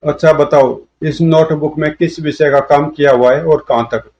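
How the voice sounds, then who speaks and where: A stern, skeptical father who interrogates the old man, voiced by a male storyteller. He speaks in an even, slightly high voice with little rise and fall. The audio is dull and lo-fi. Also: normal speed, slight background noise, natural voice. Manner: stern, questioning. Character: stern, puzzled father, a middle-aged barrister.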